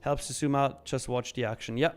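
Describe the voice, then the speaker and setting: A Swiss man hosts a live trading stream, casually and frankly answering viewers and commenting on trades, informal and prone to repeating phrases. His voice sits at medium pitch with fairly even intonation, smooth and a little fast.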